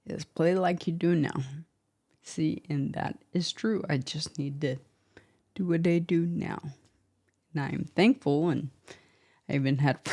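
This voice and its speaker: A woman's voice: sits low, warm tone. A young woman chatting casually to her viewers, rambling between thoughts and laughing often. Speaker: vlogger.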